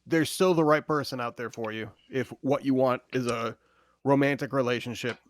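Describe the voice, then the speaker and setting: Man co-host, mid-pitched, calm and supportive, dry close mic. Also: normal speed, dry recording. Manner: calm, supportive, reads listener questions. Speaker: podcast co-host and producer. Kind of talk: casual podcast chat.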